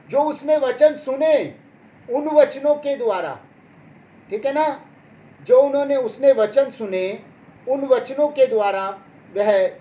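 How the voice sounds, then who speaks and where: Woman preacher, slow and emphatic, keeps repeating herself and checking in, dull lo-fi audio with faint noise. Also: a little high, dark tone. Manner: repetitive, emphatic, checks in with listeners. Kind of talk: Hindi Bible sermon.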